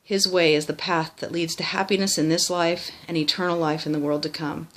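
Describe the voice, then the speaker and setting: A medium-pitched voice recites a religious text by rote. The delivery is that of formal memorized recitation. Now and then a word slips and gets corrected. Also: flat delivery, fairly quick, fairly bright tone. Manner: formal recitation with small stumbles and self-corrections.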